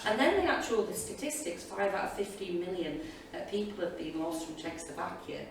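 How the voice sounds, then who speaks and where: Picked up from afar in an echoey hall with loud room noise, this woman teacher talks to an audience as a panelist. Her low-leaning voice moves fairly quickly with big pitch swings as she offers informal, enthusiastic reflections that ramble and digress chattily.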